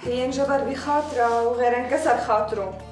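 Brief: actress playing a high-voiced Syrian woman, needling and sarcastic. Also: fast, darkish tone, faint music behind, close to an everyday voice. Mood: taunting. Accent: Syrian Arabic. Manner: taunting, sarcastic. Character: sarcastic, mocking female in-law.

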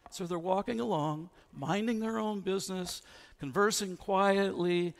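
A man preaching to his congregation in a high, gravelly voice, talking with them rather than at them and asking them questions. His words ring with a long reverb through the church sanctuary. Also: steady tone, measured pace. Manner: conversational, asks the congregation questions. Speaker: pastor. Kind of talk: sermon.

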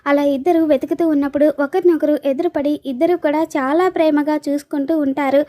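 High, mellow woman narrator. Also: steady tone, brisk. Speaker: serial promo recap narrator. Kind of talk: scripted story narration, retelling dialogue.

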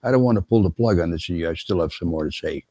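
Older male podcast host, very deep voice, heartfelt and halting. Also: expressive, no echo. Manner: warm-hearted, emotional, halting restarts. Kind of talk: casual interview chat.

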